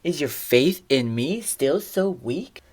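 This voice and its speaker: A woman voicing Jesus as a calm, gentle grown man, speaking slowly in a hushed, commanding way. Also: low-pitched, voice pushed down, exaggerated voice.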